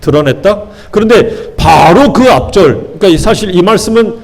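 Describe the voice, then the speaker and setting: Man preaching a sermon, kinda high voice, keeps asking the congregation questions, stretches words out. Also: animated. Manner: rhetorical questions to the congregation, emphatic; drawn-out, stressed phrases. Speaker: pastor.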